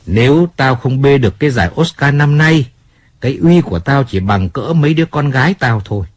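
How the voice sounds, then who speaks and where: Man reading a hot-headed drinking singer, emotional, husky voice, lively pitch, audiobook. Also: fairly quick, no echo, natural voice. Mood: self-pitying. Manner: emotional, swearing, apologetic. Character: hot-tempered male singer, drinking, self-pitying.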